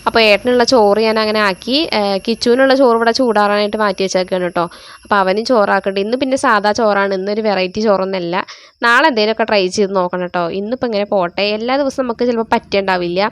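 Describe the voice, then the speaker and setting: A woman's voice: mid-range voice, very fast, dry recording. A young woman from Kerala, a mother, narrating her family's day in a chatty voice-over and often tagging sentences with "you know". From Kerala, India. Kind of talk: casual voice-over vlog narration. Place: indoors, near a road with passing traffic.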